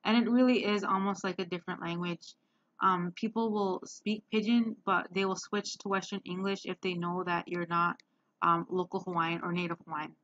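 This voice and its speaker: A woman giving a class presentation on slides, hesitant and filling pauses with many ums. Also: on the low side, fairly even intonation, fairly bright tone. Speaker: student presenter. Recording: dull lo-fi sound.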